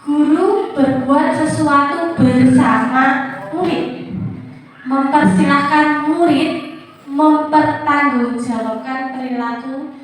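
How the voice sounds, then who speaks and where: A woman's voice: sits high, steady tone, slow pace, soft background music. A woman teacher presents to fellow teachers, acting out classroom exchanges in a sing-song voice. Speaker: teacher leading a workshop. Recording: echoey room, mic from far off, faint noise.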